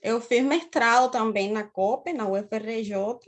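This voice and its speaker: A Cuban woman in her thirties, speaking with a Cuban Spanish accent, gives a university lecture over a video call. Her voice is on the high side and her pace measured. She explains steadily, often checks in with her students, and frequently tags phrases with "né?".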